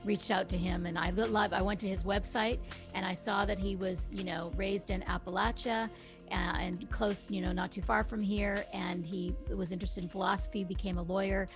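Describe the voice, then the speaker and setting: A woman's voice: mid-range voice, steady tone, moderate pace, soft background music. A woman hosting a podcast, talking casually as she introduces and interviews. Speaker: podcast host.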